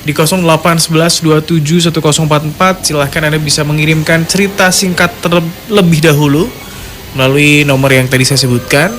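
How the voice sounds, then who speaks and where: Higher-pitched male radio host, chatty. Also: steady tone, brisk, a bit bright. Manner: chatty, addresses listeners directly. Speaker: radio host of a horror-story call-in show. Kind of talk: casual live radio hosting. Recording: music playing behind voice.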